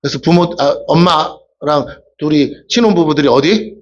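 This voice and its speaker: A man's voice: on the high side, moderate pace. A male pastor giving a casual, humorous sermon, telling stories and asking the congregation questions. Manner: chatty storytelling, asks the congregation questions, acts out voices. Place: church sanctuary. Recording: dull lo-fi church recording.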